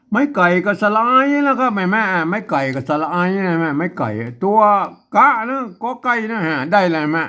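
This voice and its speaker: A man with a Northern Thai accent teaching a script lesson, full of "ah" fillers, asking "see?" and repeating words slowly to show how they sound. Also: a little high, a bit bright. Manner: many "ah" fillers and "see?" to the listener. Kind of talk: explaining Lanna script spellings.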